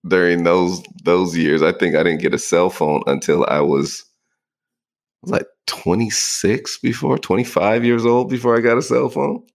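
Very deep gravelly man, rambling. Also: unhurried. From San Francisco Bay Area. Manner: relaxed, rambling, many fillers. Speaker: podcast co-host. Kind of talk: casual chat.

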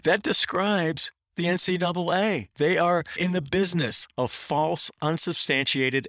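A man's voice: medium pitch, bright, forceful tone, dry recording, studio quality. A middle-aged man hosting an opinion podcast, reading out rules and tearing into them with indignant sarcasm. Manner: indignant, sarcastic, reads out documents. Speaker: podcast host. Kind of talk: opinion commentary.

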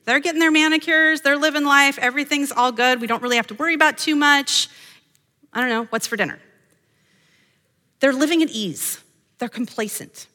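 A woman's voice: high-pitched, fairly quick, pushed and bright, long reverb tail. A woman hosting a devotional podcast, teaching women from scripture in an earnest, emphatic way and reading verses aloud. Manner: earnest and emphatic, quotes imagined voices and reads scripture aloud. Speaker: podcast host and Bible teacher.

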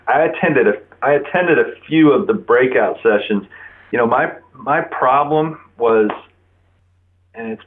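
A man in his forties from Florida, talking casually as a guest on a telephone line. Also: lowish voice. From Florida, United States. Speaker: interview guest. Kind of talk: casual chat. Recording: narrow-band telephone line.

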